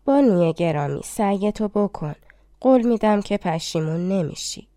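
A woman voicing an old, tired but loyal male war horse who speaks gently and courteously. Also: medium pitch, expressive, dry recording, clean studio sound, close to an everyday voice. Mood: devoted.

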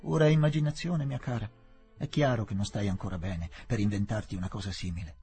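A man's voice: on the low side, fast, mellow, faint music behind, lightly acted. A man reading the part of a condescending young English official, firm and dismissive.

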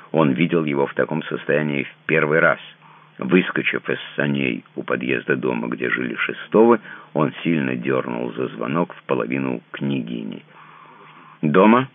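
A man narrating a classic novel as an audiobook in a measured, steady way, in a dry, narrow, phone-like recording. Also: very deep voice, no room sound.

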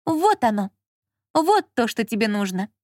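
A woman's voice: sits high, lively intonation, moderate pace, no room sound, studio quality, voice pushed up. Woman voicing a bossy mocking young woman. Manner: mocking, emphatic. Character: bossy sharp-tongued young woman, fussing.

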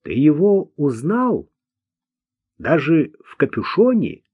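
A man voicing a calm, patient man who questions a witness firmly, in an audiobook. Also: a little high, slightly rough, no echo, pitched above the performer's own voice, heavily acted. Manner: measured, firm, patient. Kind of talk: audiobook character voice. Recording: dull dry lo-fi recording.

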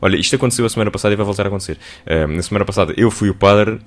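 A man's voice: fairly low pitch, rapid-fire. A man with a European Portuguese accent hosting a radio show, playful and joking as he interviews his guest. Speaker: radio host.

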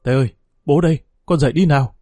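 A man's voice: a little high, quick pace, warm tone, no room sound, studio quality, natural voice. A man voicing a stern, weary village father who speaks in a firm, clipped way.

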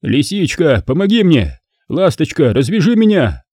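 A man's voice: medium pitch, big pitch swings, normal speed, dark tone, husky, dry recording, clean studio sound. A man reading an audiobook voices a tied-up male crook who pleads and wheedles. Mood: desperate pleading.

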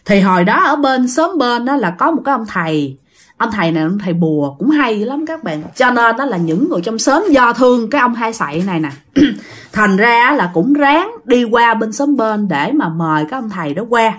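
A woman's voice: a little high, moderate pace. A woman with a Southern Vietnamese accent telling a ghost story, talking straight to her listeners. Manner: animated, addressing listeners directly.

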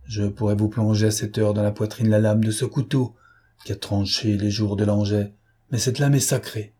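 A man's voice: on the low side, little pitch movement, normal speed, dark tone, breathy edge. A man playing a menacing vengeful Spaniard. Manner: cold, solemn and threatening. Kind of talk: audiobook character reading.

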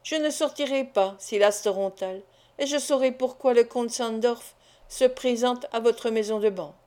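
A woman's voice: on the high side, moderate pace, dark tone, natural voice. A woman reading the lines of a scheming male agent who insinuates and threatens, in an audiobook. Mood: ironic.

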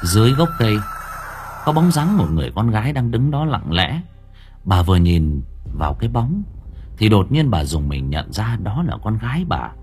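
Male audiobook narrator for a ghost story, low husky voice, very animated intonation. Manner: expressive storytelling reading. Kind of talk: dramatic horror story narration.

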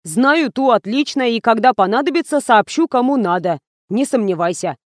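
Woman voicing a rough middle-aged male driver, mumbling, grumbling, dry sound. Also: on the high side, animated, moderate pace, no echo, lightly acted.

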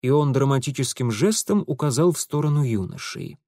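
A man reading a storybook narration in an expressive, lively way. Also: mid-range voice, a little fast, no echo, studio quality. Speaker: audiobook narrator.

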